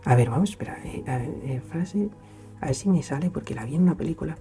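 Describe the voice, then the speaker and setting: A young man with a Spain Spanish accent, hosting a reflective solo talk in an earnest, searching way, often pausing and restarting. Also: fairly high pitch, animated, soft background music. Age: young adult. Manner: earnest, searching, pauses and restarts, swings between loud and hushed. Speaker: host.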